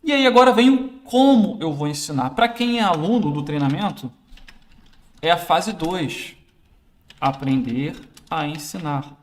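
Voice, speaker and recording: A man's voice: a little high, expressive, unhurried. Man explaining a classroom prop. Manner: explains while handling a classroom prop, self-correcting. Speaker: teacher trainer. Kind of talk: casual instructional demo.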